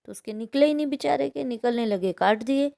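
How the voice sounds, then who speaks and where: A woman's voice: fairly high pitch, brisk, vocal fry, mellow. A woman teacher reading a story aloud to pupils, then explaining it line by line and often asking "है ना?". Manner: reads a passage, then explains it with frequent "है ना?" checks. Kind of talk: explaining a textbook chapter to pupils.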